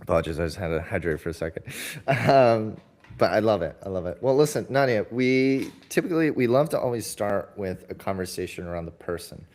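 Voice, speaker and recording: A man's voice: on the low side, lively intonation, fairly quick, darkish tone. A man hosting a livestream podcast interview, upbeat and loose, with plenty of fillers. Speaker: podcast host.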